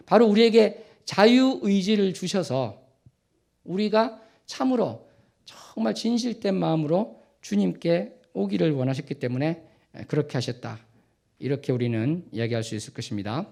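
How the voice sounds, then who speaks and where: A male pastor preaching a sermon, asking rhetorical questions to the congregation with frequent drawn-out fillers. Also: high voice, creaky, a little mellow.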